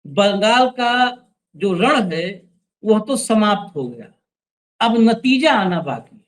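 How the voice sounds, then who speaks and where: A man's voice: high voice, sing-song, slow, low-quality recording. A man hosting an opinionated news commentary show, speaking in a sarcastic, emphatic way and directing the crew to roll clips.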